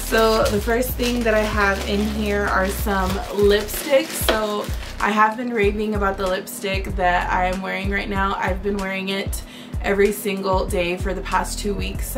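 A beauty vlogger in her twenties chats casually to the camera about her shopping haul. Her mid-range voice is hoarse and raspy from a sore throat, and her talk is full of "um" and "like."

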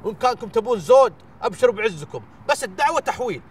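A man's voice: extremely high pitch, very animated, very fast, distant mic, exaggerated voice. A young man playing a boastful, generous sheikh's son in sketch comedy, with a Gulf Bedouin Arabic accent. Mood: magnanimous. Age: young adult.

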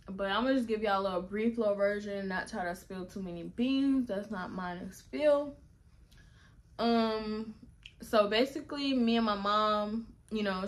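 Chatty young woman with drawl. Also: mid-range voice. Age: young adult. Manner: chatty, addresses viewers as y'all. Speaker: vlogger. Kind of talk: casual storytime.

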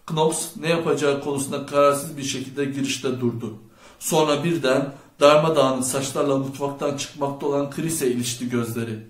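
A male audiobook narrator telling the story in a measured, even way. His pitch sits in the middle range. A noticeable roomy echo surrounds his voice. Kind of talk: scripted narration.

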